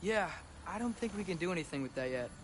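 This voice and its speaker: A man's voice: sits high, animated, quick pace, background noise. An actor voicing an earnest, curious young male hero in a video game.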